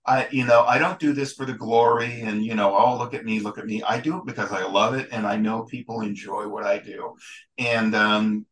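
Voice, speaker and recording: A man being interviewed as a guest photographer and historian, talking casually in a rambling, halting way with many restarts. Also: fairly low pitch, fairly even intonation, a bit bright, rough recording.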